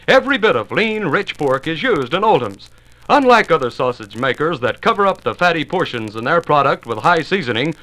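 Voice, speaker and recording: A man's voice: high voice, fairly bright tone, poor audio. A man announcing a 1950s radio commercial with an enthusiastic salesman delivery, on an old disc recording.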